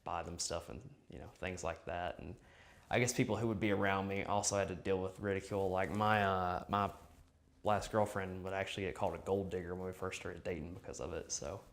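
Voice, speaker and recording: A man's voice: low-pitched, fairly even intonation, fairly quick, vocal fry. A young man talking casually in an interview, hesitant, with many fillers.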